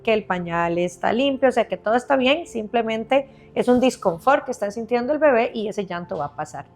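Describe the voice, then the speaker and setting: Patient, higher-voiced woman explaining. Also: expressive, brisk, soft background music. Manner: patient, explains step by step, often asks "¿verdad?". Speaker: health specialist guest. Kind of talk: explanatory podcast conversation.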